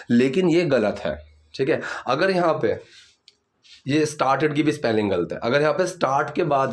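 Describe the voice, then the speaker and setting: A man's voice: medium pitch, darkish tone. Patient man teaching English grammar. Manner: patient, repeats "theek hai" often. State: sore hands from the gym. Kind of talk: grammar lesson explaining sentences.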